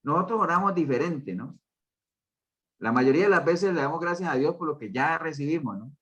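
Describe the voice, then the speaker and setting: A man's voice: a little high, expressive, brisk, fairly bright tone, dull audio. A man leading a Bible study group, teaching conversationally in loose phrases and checking in with listeners through frequent tag questions. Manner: talks in loose, restarting phrases.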